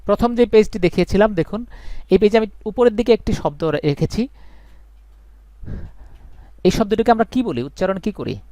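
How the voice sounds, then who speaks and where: Earnest teacher, higher voice. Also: male voice, animated, normal speed, pauses often, warm tone, no room sound. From Bangladesh. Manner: earnest, reassuring, repeats points for emphasis. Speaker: English teacher. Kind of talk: live online class.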